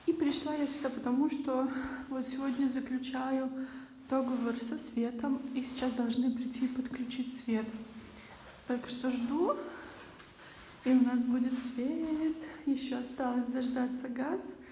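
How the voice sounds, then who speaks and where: A woman's voice: high-pitched, steady tone, unhurried, mellow. A woman casually showing around an empty apartment, her voice ringing with the strong echo of bare walls. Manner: chatty, showing things around. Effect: strong echo of a bare empty room. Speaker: vlogger. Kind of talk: casual video tour. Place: empty unfurnished apartment being renovated. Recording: echoey bare room, faint hiss.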